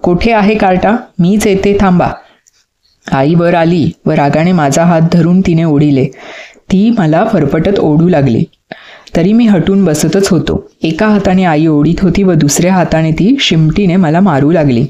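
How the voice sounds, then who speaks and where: A narrator reading a storybook aloud at a steady pace. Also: mid-range voice, moderate pace, dull audio. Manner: steady reading with acted dialogue.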